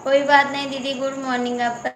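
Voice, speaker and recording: High-voiced woman chatting on a livestream. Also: level tone, brisk, reverberant, poor audio. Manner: pleading, teasing, repeats herself. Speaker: live-stream host. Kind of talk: casual live-stream chat reading comments.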